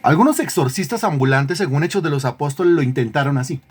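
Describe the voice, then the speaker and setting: A man's voice: fairly high pitch, expressive, quick pace, breathy edge. Emphatic man preaching a sermon. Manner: emphatic, repeats phrases, asks the congregation questions. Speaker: pastor. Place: church congregation.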